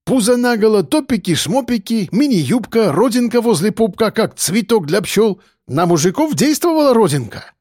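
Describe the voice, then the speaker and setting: A man voicing a hot-tempered middle-aged male cafe owner, loud and pleading. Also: high-pitched, big pitch swings, moderate pace, hardly any pauses, no room sound, studio quality, pitched above the performer's own voice. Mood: animated storytelling.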